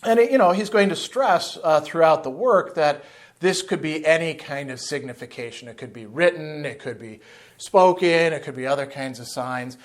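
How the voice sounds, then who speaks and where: At a normal speed, a fifties-aged man delivers an off-the-cuff philosophy lecture to camera in a room with a chalkboard behind him. He's lively and gestures freely, with a slightly higher voice, frequent asides and restarts. A lapel mic captures his speech.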